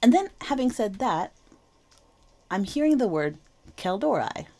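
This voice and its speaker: A woman's voice: medium pitch, sing-song, a little slow, mellow. A slightly wheezy woman who is under the weather, giving a reflective, reassuring tarot reading to viewers in a casual, explanatory way. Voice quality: slightly wheezy, with throat clearing. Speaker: tarot reader and channel host.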